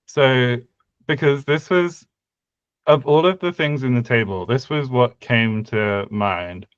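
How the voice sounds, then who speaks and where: A young man co-hosts a casual podcast on conlang design, thinking aloud hesitantly with many fillers and restarts. His mid-range voice is slow and clean, recorded with no room sound but dull audio.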